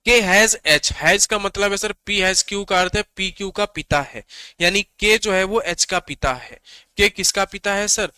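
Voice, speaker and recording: A man's voice: sits high, measured pace, pushed and bright, clean tone, dry recording. A young adult man teaching an exam-prep reasoning lesson. He asks questions and answers them himself, repeats key points and keeps coaxing the class along. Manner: repetitive, asks and answers his own questions.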